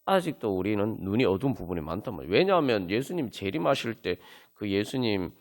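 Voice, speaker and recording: In a church sanctuary at a Friday prayer meeting, a pastor with a Seoul Korean accent preaches a sermon in a fairly low, sing-song voice at a fast pace. He speaks earnestly with many fillers, building to emphatic peaks.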